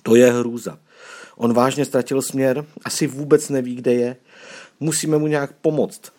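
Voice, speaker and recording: A man's voice: mid-range voice, steady tone, dark tone, voice pushed up, lightly acted. A man voicing a tender-hearted little girl who sobs and pleads in a storybook reading. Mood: tearful, frightened. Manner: sobbing, pleading.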